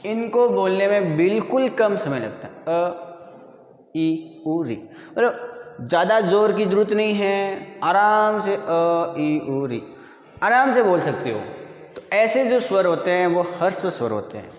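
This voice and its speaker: A man's voice: high voice, expressive, moderate pace, muffled recording. A male school teacher giving a grammar lesson, patiently repeating definitions and quizzing his students. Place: school classroom. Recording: echoey room with long reverb.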